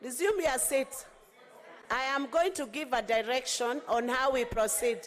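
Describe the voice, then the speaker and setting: A woman with a high voice and a Kenyan accent presides over a parliamentary chamber. She speaks formally and firmly, repeating her calls to order to keep control of the debate. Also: moderate pace. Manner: firm, repetitive calls to order.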